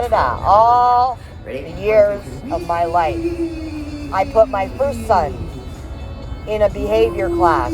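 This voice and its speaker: Middle-aged woman ranting angrily, animated pitch. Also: low-quality recording. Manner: venting, exasperated, ranting. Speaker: vlogger. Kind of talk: angry ranting vlog while driving. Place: inside a moving car. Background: background music playing.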